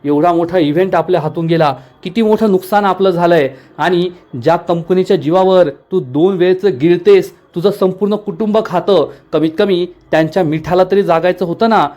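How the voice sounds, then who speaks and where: A furious, scornful woman boss, as a man reads her lines aloud. Her voice sits high and she scolds and taunts without letting up. The tone stays plain and spoken, like a storyteller recounting a TV serial. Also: normal speed, hardly any pauses, a little mellow, lo-fi sound, natural voice. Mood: angry scolding.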